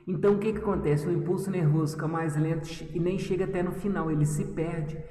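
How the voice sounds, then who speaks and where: Chatty teacher in an echoey room. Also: male voice, on the high side, steady tone, fast, warm tone, far from the mic. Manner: chatty, teasing, talks to students as "gente". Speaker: histology teacher. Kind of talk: lively video lesson.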